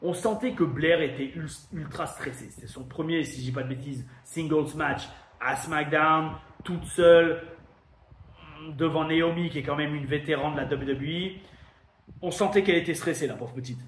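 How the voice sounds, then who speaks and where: A man's voice: on the high side, normal speed. A man from France giving a chatty, emphatic review monologue as host of his wrestling show. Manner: chatty, emphatic, thinks aloud. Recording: echoey room with faint noise.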